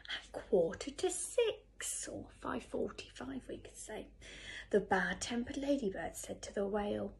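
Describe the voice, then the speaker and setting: Whispering in a gravelly, mid-range voice at a measured pace, a teacher who seems to be in her thirties reads a picture book to young children from her living room sofa. She is animated and expressive, posing questions to her listeners, and a nearby phone camera records her.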